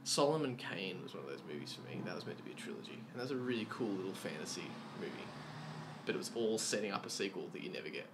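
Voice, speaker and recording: A man with a fairly low voice, co-hosting a relaxed podcast conversation. He talks in a loose, chatty way and swears casually. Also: quick pace, background noise. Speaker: podcast co-host. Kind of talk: casual chat.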